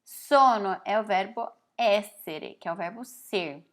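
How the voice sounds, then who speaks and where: A woman from Brazil teaching Italian in a relaxed spoken lesson, explaining slowly, reading phrases aloud and often adding "né?". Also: mid-range voice. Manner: frequent "né?" tag questions.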